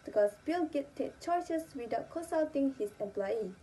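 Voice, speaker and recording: A woman's voice: high voice, expressive, normal speed, dark tone, poor audio. A young woman giving a scripted slide presentation as a student presenter. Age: young adult. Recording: faint background noise.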